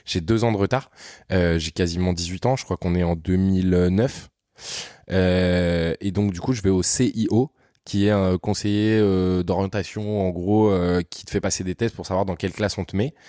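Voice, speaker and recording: A French man in his thirties with a very low voice recounts his youth as a podcast guest. His delivery is loose and slangy, full of little asides to the listener. The sound is dry and close-miked. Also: a little mellow, no echo. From France. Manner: rambling, slangy, frequent "tu vois" asides. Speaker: podcast guest, content creator. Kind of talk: casual storytelling conversation.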